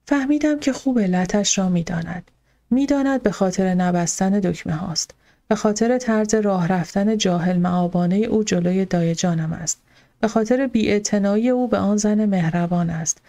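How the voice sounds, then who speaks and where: Mellow-voiced woman narrating an audiobook. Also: mid-range voice. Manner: calm, steady storytelling. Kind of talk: scripted first-person narration.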